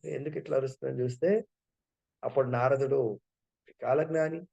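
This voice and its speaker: A man telling a story in a devotional lecture, in an animated way. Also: mid-range voice, normal speed, gravelly, lo-fi sound. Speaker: devotional speaker.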